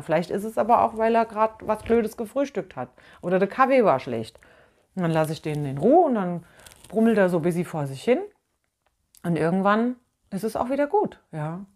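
A middle-aged woman in a casual spoken monologue, candid and animated, with blunt slang and frequent laughter. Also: medium pitch. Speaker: inspirational vlogger.

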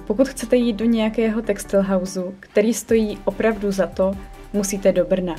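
A woman's voice: mid-range voice, steady tone, warm tone. A young woman, a vlogger and shop owner, giving an upbeat, chatty scripted voice-over review. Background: faint background music.

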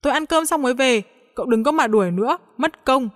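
A woman voicing a pushy, cheerful young man, talking quickly and insistently. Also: sits high, expressive, in a large hall, voice pushed up. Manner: insistent, quick teasing talk.

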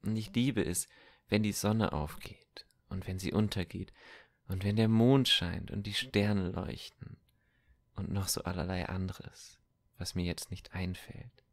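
A gentle, earnest teenage boy, the thoughtful older brother of a storybook tale, as a man reads him. The voice sits very low and unhurried, with a gravelly edge.

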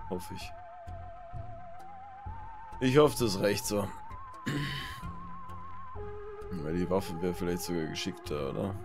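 A man casually commenting on his gameplay and reading the game's text aloud in a chatty, running flow, with loud game music underneath. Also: low-pitched, animated, brisk, hardly any pauses. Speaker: let's play gamer.

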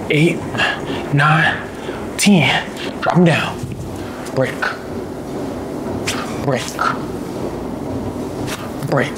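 A young man hosts a casual workout vlog, hyping viewers up with slang and counting out reps in a gym. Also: mid-range voice. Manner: hyped, slangy, coaching with rep counts. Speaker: photography vlogger and host. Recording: noisy gym ambience.

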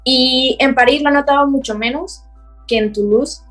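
Mexican woman, podcast guest, scientist; slightly high voice; animated anecdotes with acted-out quotes and frequent laughter. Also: moderate pace, soft background music. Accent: Mexican Spanish. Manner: animated storytelling, acting out quoted dialogue, laughing often. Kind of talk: casual podcast conversation.

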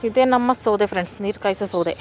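Music plays behind this fast-talking woman, whose voice sits at a medium pitch. About twenty-eight, with a rural Kanakapura-area Kannada accent, she vlogs casually from her village home, both indoors and out, cracking jokes, calling her viewers friends, and cooing at her pets.

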